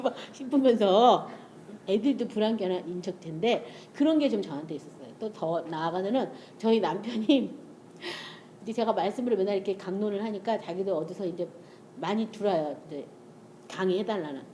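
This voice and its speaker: A woman's voice: mid-range voice, a little hiss or hum. Laughing woman telling a church testimony. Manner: animated storytelling, acting out family dialogue, frequent laughter. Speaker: church speaker sharing testimony. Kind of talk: testimony-style sermon talk.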